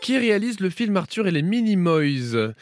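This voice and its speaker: A man's voice: high-pitched, big pitch swings, moderate pace. A man hosts a radio quiz. He talks in a chatty, informal way, with music playing under him. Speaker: radio quiz show host. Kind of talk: live radio quiz presenting. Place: radio studio.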